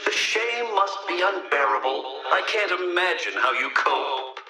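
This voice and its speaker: A man's voice: high voice, expressive, unhurried, over music, poor audio. A man voicing a smug, theatrical video game villain who taunts in a pompous, condescending way, heard through a radio effect. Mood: taunting. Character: smug, theatrical male villain obsessed with riddles.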